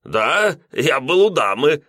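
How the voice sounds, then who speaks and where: A man's voice: fairly high pitch, sing-song, takes it slowly, sharp tone, no echo, clean studio sound, voice pushed up, full character voice. Man doing a drunk giggling lodger. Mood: tipsy. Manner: slurred, silly, drawling.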